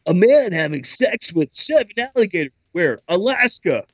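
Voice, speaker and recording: A man's voice: sits high, big pitch swings, a little slow, no echo. A man hosting a podcast in casual chat, joking around and doing mock voices, recorded on a computer mic over a call. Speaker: podcast host. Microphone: computer mic on a Skype call. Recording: dry, dull lo-fi call audio.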